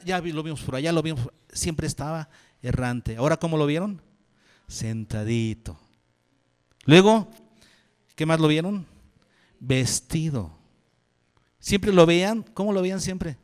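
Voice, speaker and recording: Male pastor, somewhat high voice, questions and answers himself, sinks soft on key words, long reverb. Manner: drops low and soft on key phrases. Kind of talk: sermon.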